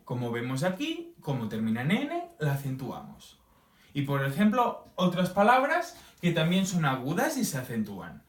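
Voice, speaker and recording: Animated male teacher, wide swings in pitch, recorded a distance in a roomy space. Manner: lively, drawn-out examples, checking in with "¿sí?". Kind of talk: explaining a grammar lesson. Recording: echoey room from a distance.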